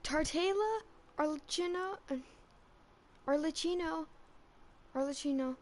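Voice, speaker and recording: Rambling excitable woman with voice cracks. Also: sits high, a little slow. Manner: rambling, excitable, full of "like" and restarts. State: slight voice cracks from being sick. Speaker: fan vlogger. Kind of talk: casual chat.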